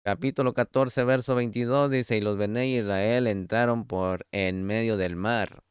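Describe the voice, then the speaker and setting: A man teaching a sermon-style Torah study, reading scripture aloud and speaking directly to his listeners in a deliberate way. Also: fairly low pitch, steady tone, clear, resonant tone, dry recording, studio quality. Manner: addresses listener directly as beloved. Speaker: preacher.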